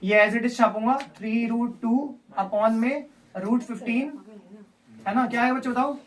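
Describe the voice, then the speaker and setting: A man's voice: extremely high pitch, a little slow. Man teaching maths to a class. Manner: repeats steps, asks class questions. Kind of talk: live classroom lesson. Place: classroom with students. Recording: distant from mic.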